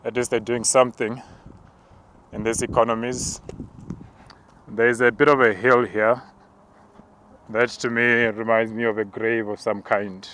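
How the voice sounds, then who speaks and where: A man preacher walking outdoors and narrating spiritual visions in a hushed, halting, contemplative way. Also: medium pitch, flat delivery, a little hiss or hum. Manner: slow, hushed, halting and contemplative, with tongues-like words. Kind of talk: spoken prayer walk, narrated visions.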